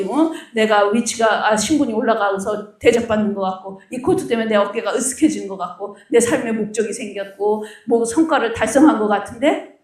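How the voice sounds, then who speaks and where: A middle-aged woman pastor preaching, telling a story in an animated way and acting out the people in it. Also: medium pitch. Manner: animated storyteller, acts out quoted dialogue. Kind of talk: storytelling sermon. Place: church hall. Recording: roomy echo, voice from a distance.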